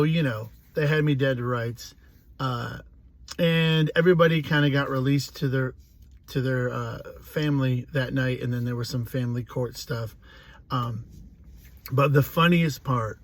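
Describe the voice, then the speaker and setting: A man's voice: medium pitch, dry recording. A man in his forties telling a rambling, profane, self-mocking personal story in a casual way. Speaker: host.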